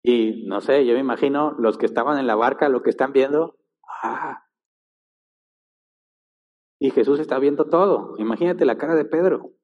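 Male preacher, mid-pitched, emphatic and questioning, lo-fi hall reverb. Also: moderate pace, pauses often. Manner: emphatic, keeps asking rhetorical questions. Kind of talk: sermon. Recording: long-reverb hall, dull lo-fi sound.

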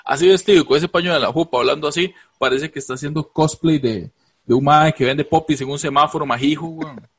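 A man's voice: fairly high pitch, brisk, a bit bright, breathy edge. A man with a Costa Rican accent trading crude, mocking banter on a comedy podcast. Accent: Costa Rican Spanish. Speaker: podcast co-host. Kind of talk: casual comedic podcast chat.

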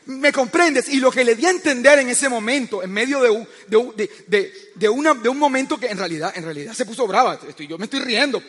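A man's voice: extremely high pitch, brisk, hardly any pauses, fairly bright tone, breathy edge, big-room sound. A man preaching a sermon who tells stories and keeps asking his listeners "¿sabes qué?", often stammering and restarting his sentences.

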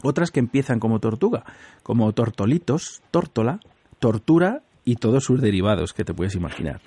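Guy hosting radio, mellow and a bit husky, chatty explainer, laughs often. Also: medium pitch, big pitch swings, moderate pace, dry recording. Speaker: radio host. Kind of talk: casual radio chat.

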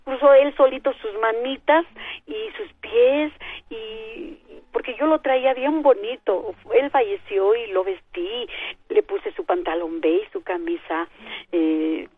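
A woman's voice: a little high, slow pace, dry recording. Older Mexican woman calling in by phone. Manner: emotional, rambling storytelling. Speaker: caller. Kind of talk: call-in radio conversation. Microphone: telephone. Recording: tinny phone line.

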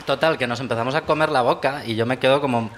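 A man's voice: mid-range voice, quick pace, a bit bright, a little hiss or hum. A man telling an embarrassing story on a live stage show, self-deprecating and laughing at himself. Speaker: audience member telling a story. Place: live theater show with audience.

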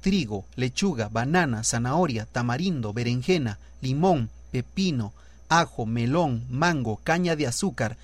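A man's voice: medium pitch, expressive, a little slow, no room sound. A man reading numbered writing tips from a script and going through long lists one item at a time. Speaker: writer giving writing tips.

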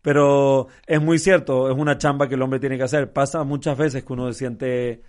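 A man's voice: medium pitch, steady tone, moderate pace. A man with a Mexican accent talking casually in conversation, swearing lightly and telling jokes. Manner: casual storyteller with slang, acting out voices in jokes.

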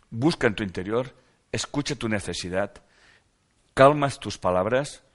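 A man giving a reflective self-help talk, reading passages aloud and asking rhetorical questions with repeated phrases for emphasis. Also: on the low side.

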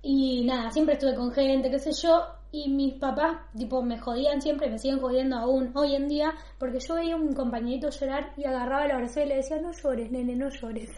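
A woman's voice: high-pitched, steady tone, fairly quick, few pauses, dark tone, reverberant. A young woman with an Argentine accent, telling stories expressively in a casual podcast chat. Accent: Argentine Spanish. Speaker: podcast co-host.

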